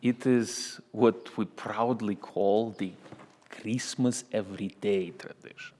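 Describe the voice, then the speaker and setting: A man playing a smug male union boss with a Russian accent, speaking halting, broken English with many repetitions in a comedy sketch. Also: lowish voice, steady tone, warm tone, slight background noise. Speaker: union spokesman. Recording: long hall reverb.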